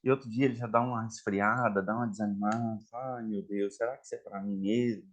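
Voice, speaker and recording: Fast, fairly low and steady in tone, this man from Minas Gerais speaks with a mineiro Portuguese accent. Teaching therapists in a live online course, he's chatty, says "galera" to the audience and checks in constantly with "tá?" and "né?"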